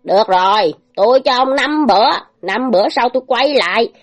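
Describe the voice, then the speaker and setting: A woman doing a swaggering thug boss, loud and menacing. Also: a little high, animated, moderate pace, faint music behind. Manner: menacing, threatening, jeering. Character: brutal swaggering male thug gang leader.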